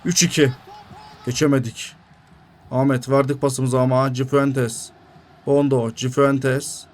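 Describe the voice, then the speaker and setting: A young man commentating his own football video game, shouting at goals and griping at the referee. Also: medium pitch, flat delivery, takes it slowly, slight background noise. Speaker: gaming YouTuber.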